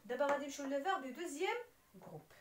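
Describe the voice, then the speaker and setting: Moroccan lady teacher, high bouncy voice, talks fast, roomy echo. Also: a little hiss or hum. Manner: lively, spells out letters and endings. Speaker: French teacher. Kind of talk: explaining a grammar lesson. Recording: roomy echo, voice somewhat far from the mic.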